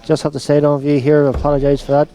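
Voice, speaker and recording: A man's voice: on the high side, completely flat delivery, rapid-fire, warm tone, low-quality recording. A man giving conversational live commentary on a darts match.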